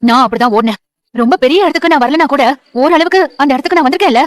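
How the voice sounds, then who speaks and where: A woman's voice: high voice, rapid-fire, no echo, close to an everyday voice. An actress playing a loving mother who reassures and encourages her grown son in a TV serial. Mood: tender. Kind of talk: TV serial acting.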